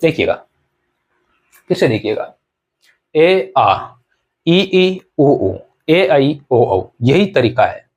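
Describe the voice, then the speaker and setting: A man's voice: medium pitch, sing-song, slow pace, long pauses, a little mellow, husky, lo-fi sound. A man teaching an exam-prep grammar lesson, explaining step by step, repeating points and asking rhetorical questions of his students.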